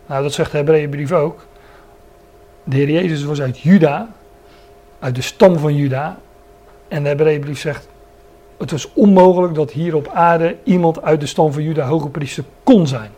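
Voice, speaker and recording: Man, sermon, earnest Bible teaching, slightly high voice, stresses key phrases. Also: moderate pace, long pauses, warm tone. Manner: earnest, stresses key words, many restarts. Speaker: preacher.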